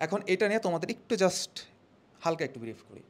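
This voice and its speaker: A man's voice: a little high, very animated, fast talker. A young man teaching an English grammar lesson casually, asking his students questions and answering them himself. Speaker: exam-prep English teacher. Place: classroom or studio, indoors. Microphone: phone or mic held near the mouth.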